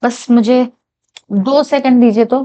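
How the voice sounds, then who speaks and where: A woman with a slightly high, dark-toned, smooth voice teaches reasoning for bank exams in a whiteboard lesson, mixing Hindi with English. She speaks slowly, reading English statements with care and checking in with her viewers.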